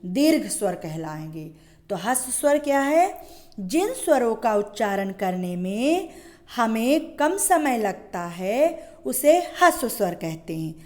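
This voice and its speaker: A woman's voice: on the high side, very animated, slow pace, a little mellow. A woman schoolteacher giving a Hindi grammar lesson, asking questions and answering them herself, drawing out example sounds. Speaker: school teacher.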